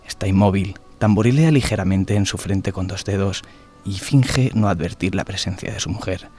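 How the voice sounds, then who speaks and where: A man's voice: sits low, normal speed, a little mellow, breathy edge, soft background music. A man reading a story aloud, expressively voicing the characters' lines. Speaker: narrator.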